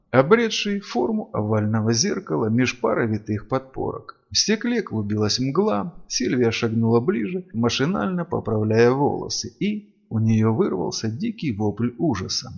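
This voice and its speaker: A man narrating a fantasy audiobook with expressive storytelling, on a dull lo-fi recording. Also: mid-range voice, creaky, husky.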